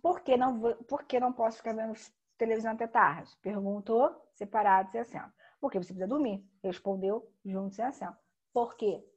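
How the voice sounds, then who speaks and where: A woman teacher giving a recorded grammar lesson, explaining slowly and emphatically with frequent tag questions. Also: on the high side, darkish tone.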